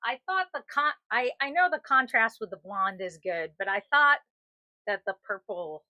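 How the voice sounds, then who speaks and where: A woman co-hosting a casual livestream, adding quick offhand comments from the side. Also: on the high side, lively intonation. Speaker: stream co-host. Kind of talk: casual live chat. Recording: dull, lo-fi off-mic sound.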